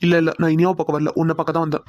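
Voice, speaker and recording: A woman's voice: sits low, flat delivery, racing, darkish tone, lo-fi sound, close to an everyday voice. A woman doing a teasing young male boss. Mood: matter-of-fact. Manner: playful, teasing, bossy. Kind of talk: cartoon voice acting.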